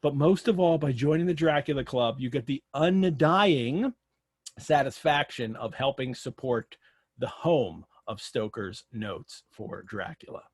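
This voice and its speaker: With a medium-pitched, lively voice carrying a breathy edge, an American man unhurriedly hosts a live online literary show from a remote video call. He talks conversationally through announcements and questions, and the recording is dry and studio quality.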